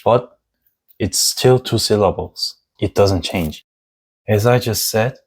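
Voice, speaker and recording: A man with Korean as his first language, teaching an online lesson in a slow, deliberate explaining manner, spelling out letter sounds. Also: on the low side, darkish tone, slightly rough.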